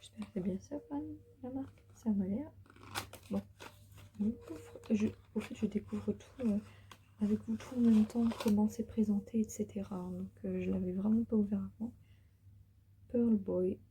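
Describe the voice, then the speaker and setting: A tired woman whispering softly through a casual beauty unboxing vlog from the floor of her bedroom. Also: mid-range voice, normal speed, pauses often, a little hiss or hum, rough recording. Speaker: beauty vlogger.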